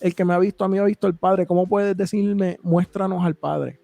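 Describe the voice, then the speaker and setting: High gravelly-voiced man hosting a podcast. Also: steady tone, fairly quick, mellow, dry recording. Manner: reads scripture aloud, explains with rhetorical questions. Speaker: podcast host. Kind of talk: casual Bible discussion.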